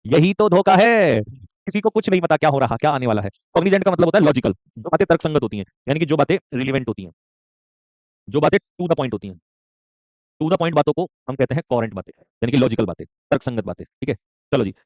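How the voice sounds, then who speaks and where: A man teaching a live online vocabulary class, joking and rapid, often checking in with students and calling them son. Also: mid-range voice, no echo. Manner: joking, rapid, keeps asking "okay?"; addresses students warmly as son.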